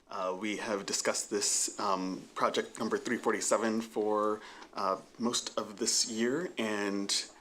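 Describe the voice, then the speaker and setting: Slow, measured councilman reading legislation. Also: fairly low pitch, fairly bright tone, a little hiss or hum. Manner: slow and measured, with filler uhs. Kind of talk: reading ordinances aloud. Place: city council chamber.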